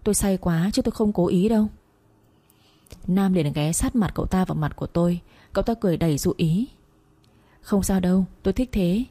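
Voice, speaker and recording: Husky low-voiced woman narrating a story. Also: brisk. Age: 30s. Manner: calm, confessional narration. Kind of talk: first-person story narration.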